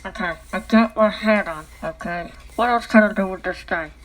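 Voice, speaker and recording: Talking at normal speed in a mid-range voice, a woman records a rambling, casual vlog on her phone indoors at home. She speaks through a cardboard tube and ends almost every sentence by asking "okay?".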